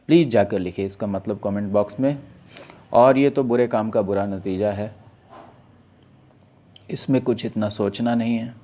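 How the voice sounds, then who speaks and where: A male teacher giving an exam-prep lesson. He reads newspaper lines aloud in a slow, deliberate way. He keeps asking his students questions and then answers them himself. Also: medium pitch, warm tone.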